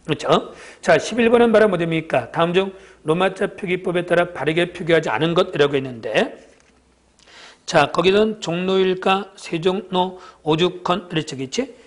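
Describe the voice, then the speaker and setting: A man with a fairly high voice works through an exam review lecture at a steady clip. He keeps tossing quick questions at the class and answering them himself. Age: middle-aged. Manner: asks constant rhetorical check-ins.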